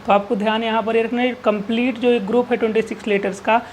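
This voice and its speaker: A woman's voice: fairly high pitch, flat delivery, fast talker, a little mellow, slight background noise. A woman teaching an exam-prep English grammar lesson, asking rhetorical questions and answering them herself. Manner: repeats key terms, drills with "ठीक है". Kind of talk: exam-prep classroom lecture.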